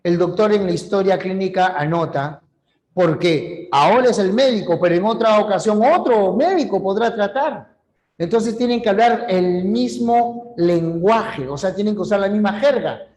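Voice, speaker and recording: A man's voice: high voice, normal speed, a little mellow. A man teaching a language class online, explaining terms and talking straight to his students. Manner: explanatory, acts out examples, addresses students directly.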